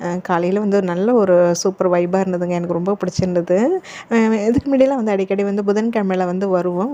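Fast-talking woman narrating a vlog. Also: medium pitch, warm tone. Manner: chatty, colloquial, many fillers. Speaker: vlogger.

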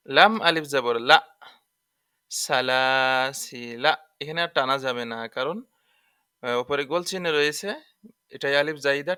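Bright, crisp-voiced man teaching recitation. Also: mid-range voice, no room sound, studio quality. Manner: spells out letters and vowel marks, repeats rules patiently. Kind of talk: tajweed lesson explaining letter by letter.

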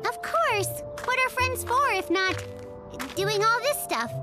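A woman voicing an earnest young girl superhero in a cartoon, quick with excuses. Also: very high voice, animated, loud music behind the voice, exaggerated voice. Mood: awkward, eager. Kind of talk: animated cartoon voice acting.

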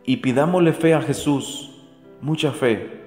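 A man's voice: mid-range voice, a little slow. A man preaching a daily gospel reflection, earnest and repetitive, asking the faithful rhetorical questions again and again. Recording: echoey room with soft music.

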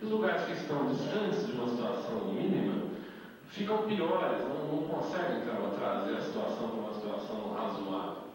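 Speaking into a handheld mic at a debate event, a middle-aged invited lecturer with a Brazilian Portuguese accent walks through his points step by step, tacking rhetorical questions onto them. His mid-range voice swings widely in pitch and moves fairly quickly. A distant camera captures echoey audio from the indoor meeting hall, with a little hiss or hum.

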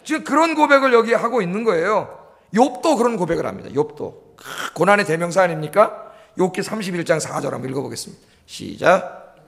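A man's voice: high voice, expressive, a little fast, gravelly. A male pastor preaching a sermon, emphatic, repeating key phrases and asking the congregation questions. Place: church sanctuary. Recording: long church hall reverb.

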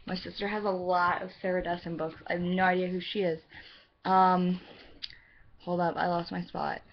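A woman's voice: on the low side, level tone, normal speed, a little hiss or hum. A nineteen-year-old American woman from Missouri chatting casually to camera in a rambling, self-deprecating way, recorded on a webcam at home. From Missouri, United States. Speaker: vlogger answering a questionnaire. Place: room in a house. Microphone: webcam microphone. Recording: dull lo-fi webcam audio.

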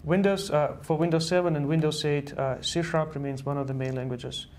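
On a virtual news-style studio set, an earnest guest, an Estonian software engineer in his thirties, explains things in a slightly high, darkish voice, repeating words often. His intonation stays fairly even and his pace runs a little fast.

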